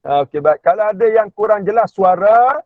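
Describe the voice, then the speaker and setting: High-voiced Malaysian teacher over a tinny phone line. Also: male voice, expressive, dry recording. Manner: checks in with listeners by asking "kan?" and drawls out slow recited words as examples. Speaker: religious teacher. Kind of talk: online Quran recitation class. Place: inside a car.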